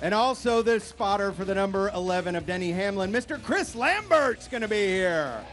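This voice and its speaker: A man hosting a live fan show on an outdoor stage at a racetrack, excitable and often shouting out to the crowd. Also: sits high, normal speed, faint music behind.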